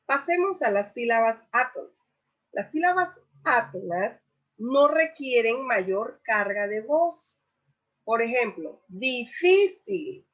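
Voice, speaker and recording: A woman teaching a Spanish grammar lesson, explaining slowly and saying each example word loudly, then repeating it. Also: fairly high pitch, animated. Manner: stresses example words loudly and repeats them. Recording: dull lo-fi recording.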